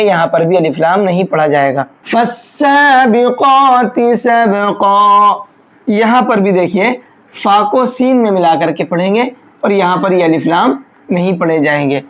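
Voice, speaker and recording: Patient teacher chanting slow recitation. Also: medium pitch. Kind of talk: tajweed lesson, explaining rules between slow recited words.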